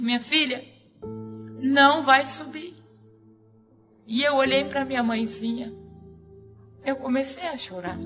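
A high-pitched woman tells her religious testimony in an earnest, dramatic, tearful way. Her voice is bright and clear, and soft music plays faintly behind her. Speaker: missionary giving a testimony.

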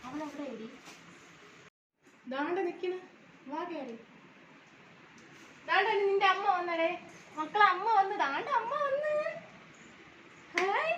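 A woman with a very high, piping voice plays a mother in a home skit, coaxing and scolding little ones in sing-song baby talk. She sounds distant from the mic in an echoey room, with clear household noise behind her. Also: lively intonation, takes it slowly, long pauses, a bit bright, muffled recording.

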